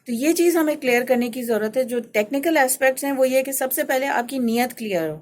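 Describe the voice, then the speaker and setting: Woman radio host with a Pakistani accent, raised pitch. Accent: Pakistani Urdu. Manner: explains with homely examples and asks "right?". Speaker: radio talk show host and life coach. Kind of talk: casual advice talk on FM radio.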